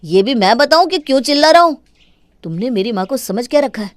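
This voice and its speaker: A woman voicing an angry young man who scolds and shouts at his wife for his mother's sake in a cartoon. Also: high voice, animated, fairly quick, no room sound, studio quality, voice pushed up. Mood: scolding.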